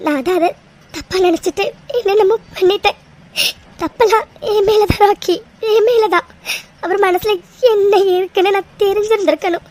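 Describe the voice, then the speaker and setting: A very high, squeaky voice belongs to a heartbroken young cartoon woman, tearful and full of self-blame, as a woman acts her out. She talks through sobs the whole time, her words wet with crying. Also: darkish tone. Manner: tearful, self-blaming, sobbing. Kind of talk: cartoon voice acting.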